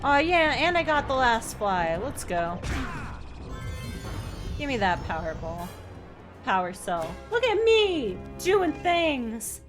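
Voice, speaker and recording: Woman, cute anime-style game streamer, high voice, unhurried pace, playful sing-song chat, game music behind. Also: sing-song. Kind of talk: live game streaming commentary, casual chat.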